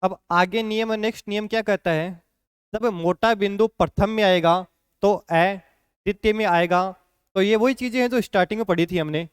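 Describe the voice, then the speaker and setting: A man with a high-sitting, smooth voice teaches a shorthand lesson at a moderate pace. The clean studio recording has no echo. He explains patiently, repeating points and often checking in with "ठीक है."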